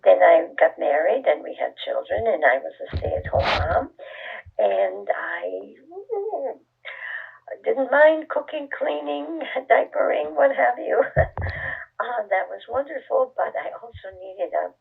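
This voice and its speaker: Gravelly older woman on a phone line. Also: a little high, animated. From Austria. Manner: slow, thoughtful, soft and breathy at times. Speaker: interview guest, author. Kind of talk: conversational interview.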